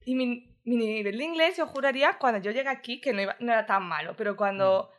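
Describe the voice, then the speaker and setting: A woman's voice: on the high side, quick pace. A woman in her twenties with a central Spain accent, a podcast guest telling stories in a chatty way, full of fillers. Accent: Spain Spanish, central. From Madrid, Spain. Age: 20s. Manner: chatty storytelling with many "o sea" fillers. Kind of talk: casual podcast interview.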